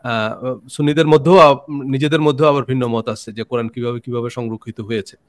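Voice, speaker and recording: A Bangladeshi man hosting a religious discussion, explaining his position in a measured way with pauses and fillers. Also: mid-range voice, steady tone. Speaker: host.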